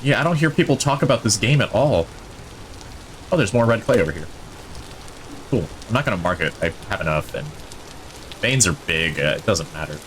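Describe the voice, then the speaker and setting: A man's voice: lowish voice, expressive, fairly quick, long pauses, fairly bright tone, a little hiss or hum. A male streamer giving casual, chatty gameplay commentary, rambling and thinking aloud, enthusiastic about what he plays.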